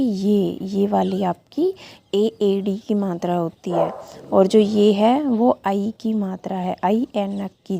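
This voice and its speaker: A woman's voice: mid-range voice, gravelly, dark tone. A woman teacher giving a reading lesson to young children, patiently sounding out syllables and asking the class questions. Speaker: school teacher.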